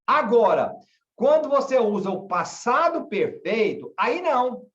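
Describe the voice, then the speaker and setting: A man's voice: extremely high pitch, sing-song, a little slow, a bit bright, distant mic. A man from Brazil teaching a class, asking questions and repeating example sentences. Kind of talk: online class lesson. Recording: dull, echoey room from afar.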